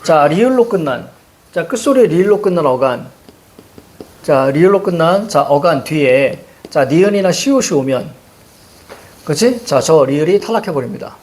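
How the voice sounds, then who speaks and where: A man teaching a Korean grammar lesson, peppering his explanation with quick questions to the class. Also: fairly high pitch. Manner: lively, rhetorical questions to students, frequent "자".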